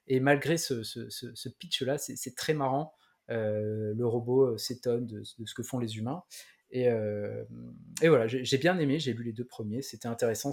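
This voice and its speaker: A man's voice: medium pitch, darkish tone. Hesitant French-speaking podcast man. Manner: hesitant, many restarts and fillers. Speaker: podcast co-host. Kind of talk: casual podcast chat.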